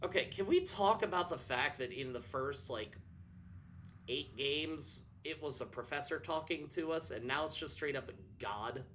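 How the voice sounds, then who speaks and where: A man's voice: a little high, lively intonation, a little slow, a bit bright, a little hiss or hum. A man casually chatting with his chat while streaming a game, joking and reading messages aloud. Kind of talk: casual live gameplay chat.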